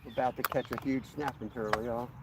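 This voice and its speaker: A man's voice: mid-range voice, fairly even intonation, fast talker, very noisy. A man hosting a fishing vlog outdoors by a river, chatting easily and speaking straight to his viewers. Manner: easygoing, talks straight to viewers. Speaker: fishing channel host. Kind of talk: casual outdoor vlog chat.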